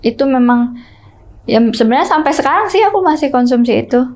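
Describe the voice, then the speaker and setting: A woman telling a raw, earnest first-person account in a slightly high voice. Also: lively intonation, brisk, a little mellow, slight background noise. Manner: earnest and emotional, with frequent fillers and restarts. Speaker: guest storyteller. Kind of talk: casual chat recounting a personal ordeal.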